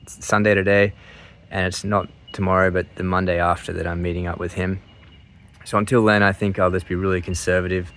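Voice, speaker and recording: A man's voice: low voice, little pitch movement, fairly quick, a bit bright. A man in his mid thirties chatting casually to his viewers, rambling and hesitant as he breaks into his own sentences. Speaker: vlogger sharing surgery recovery update.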